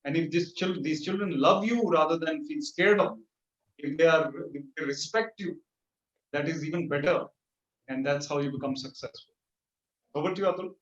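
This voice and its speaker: A man speaking to teachers over a video call, telling an anecdote with animated storytelling and pitch lifts for punchlines. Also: moderate pace. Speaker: motivational speaker. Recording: roomy, dull video-call audio.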